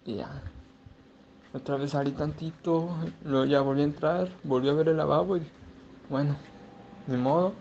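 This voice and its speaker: A man's voice: a little high, steady tone, moderate pace, gravelly, a little mellow, muffled recording, a little hiss or hum. A queasy young man with a Mexican accent, rambling crudely in a casual video diary. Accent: Mexican Spanish.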